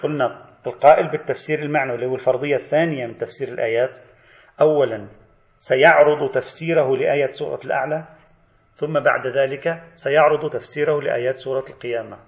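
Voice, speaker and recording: A man giving a religious studies lecture, explaining each point in a measured way and slowing down to quote and stress key lines. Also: medium pitch, fairly even intonation, vocal fry. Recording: dull lo-fi lecture recording.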